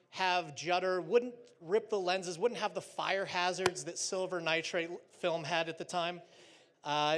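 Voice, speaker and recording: A man's voice: fairly high pitch, fairly bright tone. A man giving a casual, chatty presentation with slides on stage at a live trade show, joking lightly between fillers.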